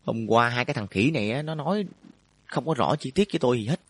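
A man's voice: mid-range voice, lively intonation, fast talker, husky, no room sound. A man voicing a brash, scheming teenage schoolboy who talks bluntly. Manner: blunt, offhand slangy talk.

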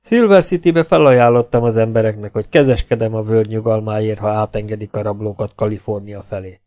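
A man's voice: on the low side, a little mellow, close to an everyday voice. A man voicing a cocky, self-assured outlaw gunslinger who taunts his opponents. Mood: mocking. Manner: mocking, self-assured and teasing.

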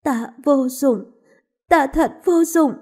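Woman reads a young princess, proud, impassioned, high-pitched. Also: moderate pace, mellow, natural voice. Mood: anguished. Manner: impassioned, pleading.

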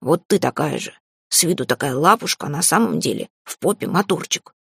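A woman's voice: low voice, animated, brisk, creaky, breathy edge, dry recording, studio quality, pitched below the performer's own voice, heavily acted. A woman voicing a sly, lazy male cat familiar who drawls and teases. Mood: teasing. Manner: drawling, teasing.

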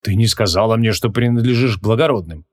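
A man's voice: on the low side, quick pace, a little mellow, lightly acted. A man voicing a stern, commanding male archmage from ancient times for an audiobook. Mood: awed. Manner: commanding, solemn.

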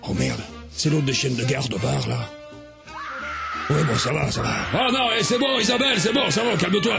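A man performing a crude, boastful comic sketch monologue as a radio columnist, shouting and muttering by turns. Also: on the high side, normal speed, gravelly, over music.

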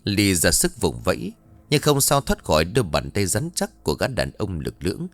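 A man's voice: low voice, wildly swooping pitch, moderate pace, no room sound. A man narrating a horror story in a dramatic storytelling manner. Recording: dry studio voice with faint background music.

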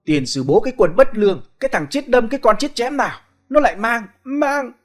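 A man's voice: very high voice, expressive, fairly quick, pitched above the performer's own voice. A man voicing a hot-tempered landlord's wife who screeches curses at the villagers. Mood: raging. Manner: shrieking curses, hands on hips.

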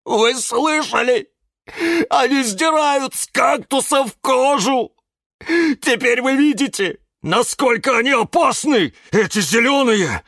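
A man's voice: very high-pitched, lively intonation, takes it slowly, a bit bright, no echo, clean studio sound, pitched above the performer's own voice, full character voice. A man reading a children's audiobook voices a hysterical male houseplant cactus who shrieks and wails in alarm. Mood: horrified wailing.

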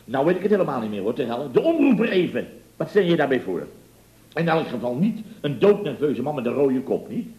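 A man's voice: medium pitch, sing-song, fairly quick, mellow, echoey room, lo-fi sound, natural voice. An actor playing a pompous, boastful middle-aged contractor boss in a 1960s radio comedy, rambling through his stories. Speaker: boss of a building firm.

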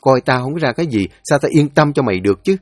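A man's voice: mid-range voice, expressive, quick pace, no room sound, studio quality, lightly acted. A man voicing a blunt, threatening eldest brother. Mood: stern. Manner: blunt warning tone.

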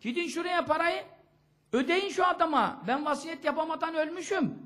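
A man's voice: very high-pitched, moderate pace, fairly bright tone, voice pushed up. A man voicing a dead male debtor who pleads desperately from the grave. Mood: pleading.

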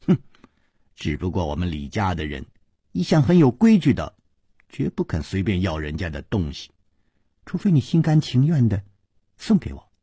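A storyteller voicing a cheeky young male servant who teases and speaks in sly, low asides. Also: wildly swooping pitch, moderate pace, pauses often, husky, dry recording, studio quality, heavily acted. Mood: smug. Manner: teasing, sly, soft asides.

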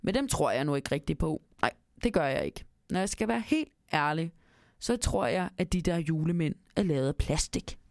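A woman's voice: deep voice, no room sound, studio quality. Woman doing a yarn-spinning old grandpa. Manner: calm, storytelling, reassuring. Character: kindly old grandfather telling tall tales.

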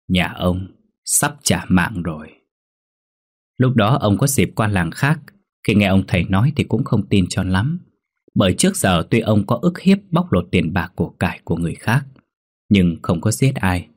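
A man narrating a ghost story in a steady, measured reading. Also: sits low, slightly rough.

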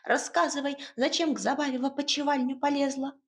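Storybook house spirit, fussy young male, high-pitched and reproachful, as a woman puts him on. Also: fairly even intonation, brisk. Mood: scolding.

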